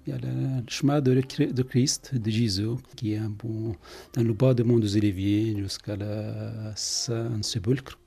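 A man from Palestine, answering interview questions slowly and haltingly in his living room. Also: lowish voice, steady tone, vocal fry, warm tone. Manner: halting, searching for words. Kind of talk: radio interview.

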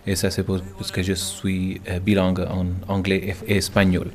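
Deep-voiced man from Gibraltar, native English, halting Spanish-accented French, lots of restarts. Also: monotone, darkish tone. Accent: Gibraltarian, Spanish-tinged French. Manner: halting, searching for words, many restarts. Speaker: interviewee. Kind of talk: interview answers in a second language. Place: at home.

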